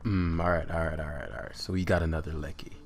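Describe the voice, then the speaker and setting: A man's voice: very deep voice, steady tone, fast talker, soft background music. A man giving casual live commentary on his own competitive game, thinking aloud and muttering with lots of fillers.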